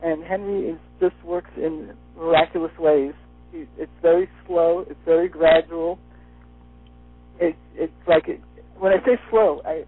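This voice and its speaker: High-voiced man talking with a retainer in. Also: slightly rough. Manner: talking with a dental appliance in the mouth, like wearing a retainer. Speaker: interview guest. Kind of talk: personal testimonial in conversation. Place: phone call. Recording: muffled phone line, faint music behind.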